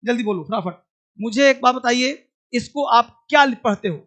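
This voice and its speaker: A man's voice: very high voice, lively intonation, moderate pace, bright, forceful tone. A man teaching an online English pronunciation class, repeating each point and quizzing his students affectionately. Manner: repetitive, drilling and quizzing students; affectionate, calls students child.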